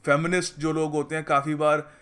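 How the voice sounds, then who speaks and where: Man explaining vocabulary, slightly high voice. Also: level tone, a bit bright, smooth. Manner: explains in Hindi, reads English example sentences slowly. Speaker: English vocabulary teacher. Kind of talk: explaining lesson.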